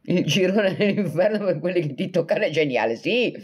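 A woman's voice: on the low side, lively intonation, a little fast, darkish tone, breathy edge. A woman hosting a casual livestream, chatting with viewers in a joking way, reading out their comments and replying. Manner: chatty and joking, breaking often into laughter; reads out and answers viewer comments. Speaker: livestream host.

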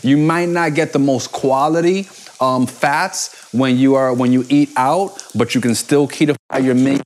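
A man's voice: mid-range voice, steady tone, measured pace. A man in his forties talks through a live cooking show in a home kitchen. He is chatty and upbeat, and he keeps up an easy running banter while he cooks. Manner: upbeat, chatty, calls his partner baby.

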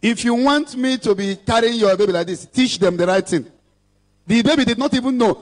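At an outdoor church rally, a Nigerian preacher in his thirties urges on a large crowd from the stage, his voice extremely high-pitched and brisk. He moves back and forth between English and Igbo on a handheld microphone.

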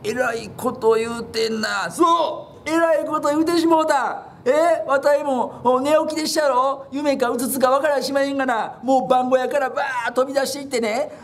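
A man's voice: very high-pitched, moderate pace, hardly any pauses, a bit bright. A man performing rakugo, voicing a drowsy, easygoing idle young man who rambles in a Kansai accent. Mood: excited. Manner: chatty, rambling, sing-song calls. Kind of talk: rakugo storytelling.

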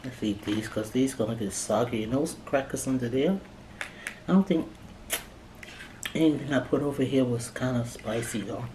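A middle-aged woman with a low voice, chatting casually between bites as she eats in a mukbang vlog. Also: moderate pace, pauses often. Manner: talking between bites while eating. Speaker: mukbang vlogger. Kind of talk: casual mukbang chat while eating. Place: small indoor room at a table. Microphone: camera a short distance away on table. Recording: echoey room with background noise.

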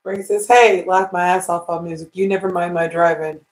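A woman's voice: lowish voice, steady tone, a little fast, echoey room. A woman co-hosting a live stream, playfully reading viewer comments aloud in casual chat.

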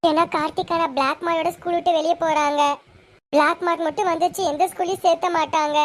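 A blunt, scolding teenage schoolgirl, as a woman plays her speaks sharply in a high voice. She lectures her friend without holding back. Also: little pitch movement, fast.

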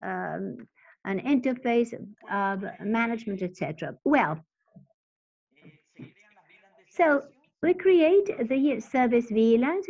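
A woman giving a technical presentation in a halting, stop-start way, interpreting for the speaker. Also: a little high, darkish tone. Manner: halting, stop-start delivery while explaining. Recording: dull lo-fi webinar audio.

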